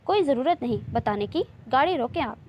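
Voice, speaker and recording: A shy, easily flustered young woman from a storybook romance, as a woman reads her. She pleads and protests softly. The voice sits high, with faint noise behind it. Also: animated, brisk, dull audio. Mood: flustered, pleading. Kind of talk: romance novel reading.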